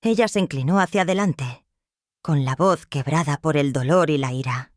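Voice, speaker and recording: A text-to-speech voice narrating a melodramatic story in an even, machine-read manner. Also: medium pitch, moderate pace, no room sound, studio quality.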